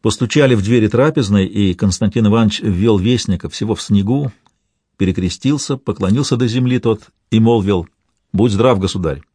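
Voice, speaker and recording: A man narrating a historical story in a measured, old-fashioned style. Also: on the low side, warm tone, slightly rough, no echo, clean studio sound. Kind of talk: scripted audiobook narration.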